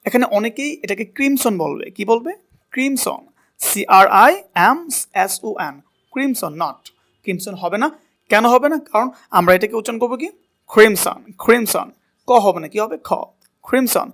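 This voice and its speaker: A man's voice: extremely high pitch, lively intonation, brisk, a bit bright. A man teaching a spoken English class, asking a student to repeat words and correcting how they are said. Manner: coaching pronunciation, asks and repeats words.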